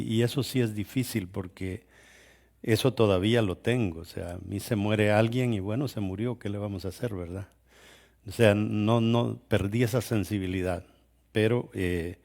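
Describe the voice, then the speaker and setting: Man from El Salvador, pastor, lowish voice, chatty testimony from the pulpit. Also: vocal fry, a little mellow. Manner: conversational storytelling, frequent restarts. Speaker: guest pastor. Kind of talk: sermon testimony.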